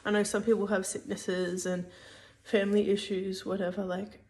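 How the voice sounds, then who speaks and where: A woman's voice: mid-range voice, little pitch movement, normal speed, a little mellow. A woman giving a casual spoken religious teaching, hesitant, with many fillers and restarts.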